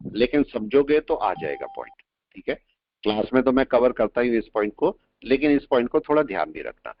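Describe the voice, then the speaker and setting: Male trading instructor, middle pitch, live class lesson, keeps asking questions, dull lo-fi dry audio. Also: no echo. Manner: quizzing students with quick questions.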